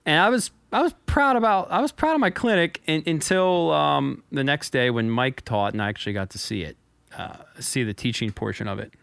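Male podcast host, smooth resonant voice, dry close sound, rambling anecdotes. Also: a little high, animated, fairly quick, fairly bright tone, dry recording. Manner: storytelling, rambling with restarts and stutters. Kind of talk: casual chat.

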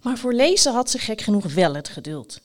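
A woman narrating a children's story in a lively, playful way with dramatic pauses. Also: fairly high pitch.

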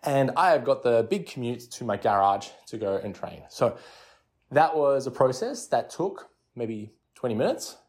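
A man's voice: mid-range voice, sing-song, moderate pace, darkish tone. Conversational man hosting a fitness podcast. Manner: conversational, explains in short repeated phrases. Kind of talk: casual solo podcast talk, coaching tips. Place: home garage. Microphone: handheld or personal recording device.

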